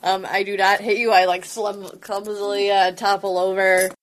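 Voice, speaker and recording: Woman game master, mid-pitched, halting narration full of "uh". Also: level tone. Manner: hesitant, many fillers, laughs at own narration.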